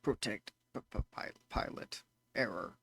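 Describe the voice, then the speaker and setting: A man with a slightly bright voice and measured pace voices a malfunctioning robot. Its clipped machine phrasing glitches and stutters, words breaking apart and repeating in a glitching monotone.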